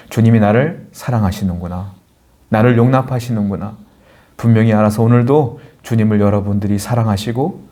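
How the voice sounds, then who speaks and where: A man's voice: fairly low pitch, warm tone. A man preaching an earnest sermon as a pastor. He asks his congregation questions and answers them himself, reads scripture aloud, and acts out the quoted lines.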